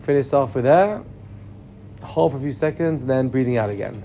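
A man leading a guided meditation with calm, soothing instructions. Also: mid-range voice, a little fast, muffled recording, a little hiss or hum. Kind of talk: guided meditation and body scan.

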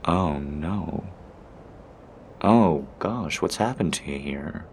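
A man's voice: deep voice, lively intonation, takes it slowly, vocal fry, a little hiss or hum, full character voice. A man voicing Henry, a cheerful and helpful stranger who chats reassuringly in an audio roleplay. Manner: warm, chatty, reassuring.

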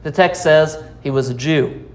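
An American man, a pastor, preaching a sermon with dramatic pauses and rhetorical questions. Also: a little high, a little mellow. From United States.

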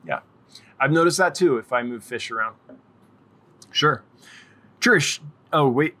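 A man's voice: medium pitch, animated, unhurried, bright, forceful tone. A middle-aged man hosting a casual live-stream Q&A, chatty and friendly, rambling as he answers viewers' questions. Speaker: livestream host.

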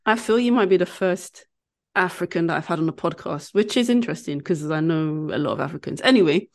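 A woman's voice: lowish voice, expressive, creaky. A woman hosting a podcast, talking casually with a friend and often searching for her words. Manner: chatty, searches for words with fillers and quick apologies. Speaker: podcast host.

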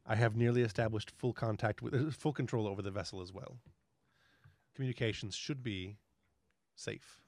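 Calm computer core ai lady, a guy doing her, flat clipped lines, kinda low, dry sound. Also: normal speed, long pauses, no echo, lightly acted. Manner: flat, clipped machine phrasing. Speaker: game master.

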